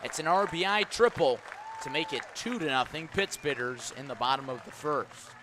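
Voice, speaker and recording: Calling a baseball game live on radio, an American man speaks at normal speed in a slightly high, animated voice, with crowd noise audible. The broadcast carries background noise and the ambience of the ballpark.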